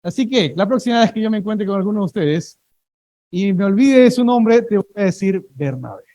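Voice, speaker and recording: A male pastor preaching a sermon, telling lively everyday stories and having the congregation repeat words after him. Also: high-pitched, a little fast, no echo, low-quality recording.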